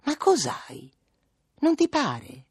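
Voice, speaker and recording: A woman's voice: high voice, huge pitch swings, drawn-out words, a little mellow, no room sound, studio quality, pitched above the performer's own voice, heavily acted. A woman reading the part of an older peasant mother, talking earnestly and at length in a pleading, rambling way. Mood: anxious.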